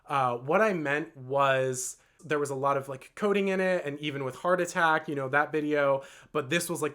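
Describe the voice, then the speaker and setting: A man's voice: medium pitch, bright, forceful tone. A man telling a long storytime vlog in an earnest, rambling way, full of "like" and "um". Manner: rambling and earnest, with many "like" and "um" fillers. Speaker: vlogger.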